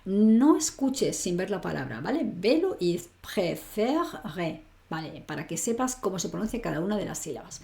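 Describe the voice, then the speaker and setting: A woman's voice: on the low side, sing-song, brisk, vocal fry, hardly any pauses, mellow. A woman teaching an online grammar lesson, explaining patiently and often checking in with her student. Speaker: language teacher.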